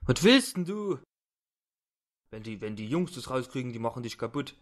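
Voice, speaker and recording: Brief: a man playing a whiny, panicky bar thug, pitch jumping high when scared. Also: sing-song, normal speed, lightly acted. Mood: blustering. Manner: whiny, panicky, crude street slang. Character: frightened thuggish male barkeeper, half-blind.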